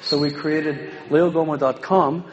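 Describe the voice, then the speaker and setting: A Canadian man telling anecdotes at a home education meeting in a folksy, self-deprecating way, with many pauses and ums. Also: a little high, fairly even intonation, muffled recording. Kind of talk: informal public talk with anecdotes. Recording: roomy hall with faint background noise.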